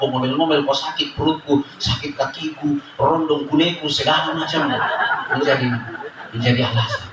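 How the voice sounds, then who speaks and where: A man preaching a lively sermon as pastor, acting out voices in his teaching. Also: on the high side, noisy background. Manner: animated preaching, acts out voices of God and churchgoers. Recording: echoey hall from far off.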